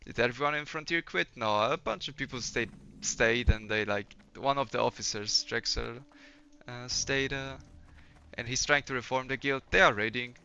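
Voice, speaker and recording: Gravelly and sharp, this young man from Poland talks at a normal speed in a mid-range voice while gaming on stream. He chats with viewers in a relaxed way, cursing a lot, over slightly dull lo-fi audio.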